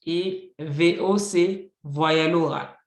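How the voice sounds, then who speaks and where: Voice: mid-range voice, fairly even intonation, slow. Teacher, patient, walks through rules with examples, lots of ok donc, roomy echo. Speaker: Haitian Creole teacher. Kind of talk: classroom grammar lesson.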